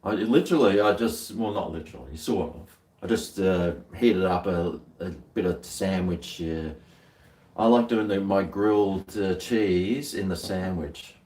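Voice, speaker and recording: A man's voice: low-pitched, measured pace, a little mellow. An Australian man chatting casually to viewers over a beer, rambling in a laid-back, slangy, working-bloke way. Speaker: livestream host. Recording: roomy echo, distant microphone.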